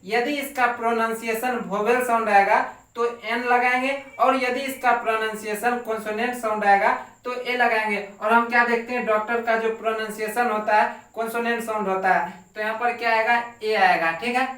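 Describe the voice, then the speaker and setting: A teacher with a bright voice gives a translation lesson and dictates each sentence word by word. Every step ends with a quick checking question. The voice sounds far from the mic in an echoey room. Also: mid-range voice, fairly even intonation. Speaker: English teacher. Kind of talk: translation lesson explaining grammar.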